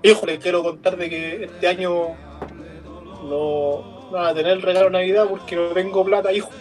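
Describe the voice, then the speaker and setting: A man's voice: high voice, level tone, moderate pace, natural voice. A man putting on a tearful middle-aged father, pleading and weepy. Faint music plays behind.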